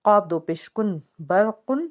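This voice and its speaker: Woman teaching Quran recitation slowly. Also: medium pitch, darkish tone. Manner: slow, deliberate syllable-by-syllable spelling with drawn-out recitation. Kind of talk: tajweed lesson, spelling out and explaining recitation.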